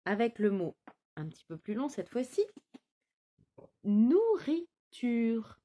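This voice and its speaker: A woman teacher giving young children a phonics lesson, spelling out words slowly syllable by syllable. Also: medium pitch, animated, dark tone. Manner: slow, clearly articulated, syllable by syllable. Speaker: kindergarten teacher.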